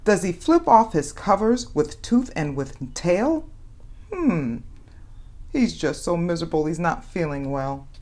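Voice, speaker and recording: In her lowish voice and at a measured pace, a woman hosts a children's read-aloud of a picture book. Animated and expressive, she dramatizes the story's questions and exclamations for the young audience.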